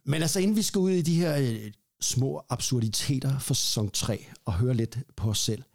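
A man with a gravelly voice hosts a casual radio chat. He hesitates often, filling gaps with drawn-out sounds before finding his words. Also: mid-range voice. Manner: hesitant, many fillers. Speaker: radio host.

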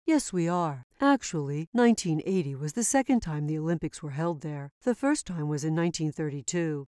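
Woman playing a calm, low-voiced knowledgeable guide. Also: fairly quick, no room sound, clean studio sound. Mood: patient, informative. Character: calm, knowledgeable, slightly cautious female travel companion. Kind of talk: scripted children's educational travel show.

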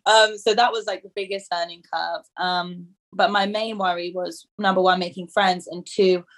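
A woman in her twenties from England, a dental student, talking casually in an interview, full of fillers and quick to laugh at herself. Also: fairly low pitch, fairly even intonation, fairly bright tone. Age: 20s. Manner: chatty, filler-heavy, self-deprecating and laughing often.

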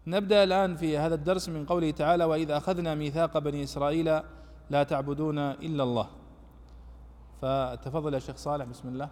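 Fast-talking man teaching in echoey hall. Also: a little high, steady tone, darkish tone. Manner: explanatory, addresses students directly. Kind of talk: Quranic commentary lesson. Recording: echoey hall with long reverb.

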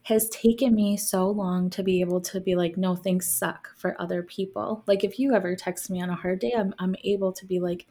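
A woman's voice: lowish voice, steady tone, brisk, hardly any pauses, mellow. Woman podcast cohost chatting, candid, laughs a lot, sentences trail off. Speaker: podcast co-host. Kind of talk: casual chat.

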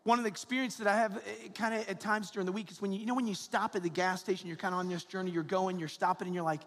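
An American man from Georgia giving an informal, conversational homily as a priest, with halting phrasing and rhetorical asides. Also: high-pitched, steady tone, a bit bright. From Georgia, United States. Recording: church with long reverb.

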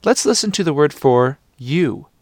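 A man's voice: a little high, lively intonation, normal speed, dry recording, clean studio sound. A man giving scripted instructional narration for a language course, patiently prompting the listener to repeat.

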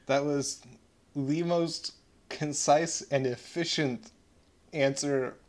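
A man's voice: on the high side, fairly even intonation, slow. A man narrating a tabletop roleplaying game as game master.

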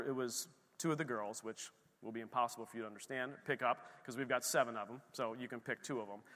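A male pastor preaching a sermon, moving between quiet, close storytelling and loud, fervent exhortation. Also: medium pitch, in a large hall.

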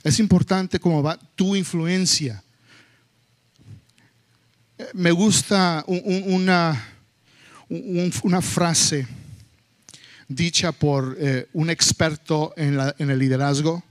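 A man preaching a sermon to his congregation, animated and mixing in English phrases, sometimes acting out loud scoldings of his children. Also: fairly high pitch, slow, long pauses. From United States. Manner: slips between Spanish and English. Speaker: pastor.

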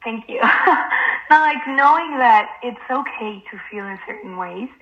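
A woman's voice: on the high side, lively intonation, measured pace, lo-fi sound. A young woman whose first language is Spanish, speaking as a guest in a casual conversation, hesitant and earnest, filling her sentences with "like". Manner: hesitant, fills with "like" constantly, earnest.

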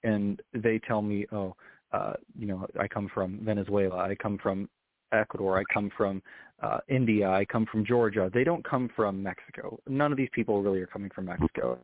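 A man being interviewed as a political consultant, talking earnestly and often correcting himself mid-sentence. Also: on the low side. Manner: fast, earnest, self-correcting. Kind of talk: interview answer. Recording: dry, tinny phone-line sound.

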